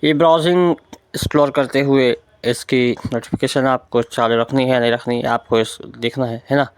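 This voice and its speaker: A man's voice: mid-range voice, fairly even intonation, moderate pace, clean tone, no room sound. A man giving an informal spoken tech tutorial, explaining step by step and often checking in with the listener. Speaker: tutorial presenter.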